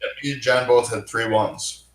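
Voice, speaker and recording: A man's voice: mid-range voice, fairly even intonation, normal speed, reverberant, a crowd in the background, poor audio. A man, a tabletop game player, chatting in an upbeat way after a session.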